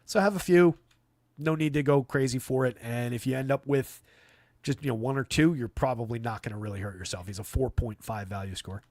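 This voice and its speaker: A man hosts a live fantasy basketball stream, offering unscripted analysis and answering chat in a dry, conversational manner. His voice is medium-pitched, slightly mellow, and fairly quick, and the recording is dry.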